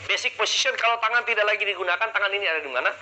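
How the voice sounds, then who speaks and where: A man's voice: high-pitched, very fast, noisy background. A man leading a live public speaking seminar, energetically drilling the audience with call-and-response questions into a handheld mic. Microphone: handheld microphone.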